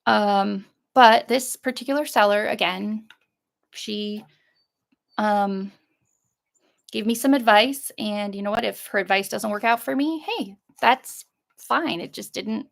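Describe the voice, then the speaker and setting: A middle-aged woman with a creaky voice, chatting casually through an unboxing in a rambling, hesitant way. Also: medium pitch, takes it slowly. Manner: rambling, hesitant, trailing off and circling back. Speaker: vlogger showing a shopping haul.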